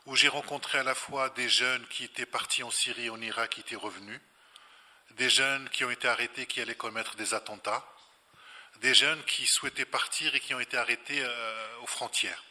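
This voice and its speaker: The speaker, an invited scholar at a public event, gives an impromptu explanatory answer, reflective and teacherly, repeating phrases for emphasis. His mid-range voice is sharp, fairly quick and fairly even in intonation, with the hall's reverb audible.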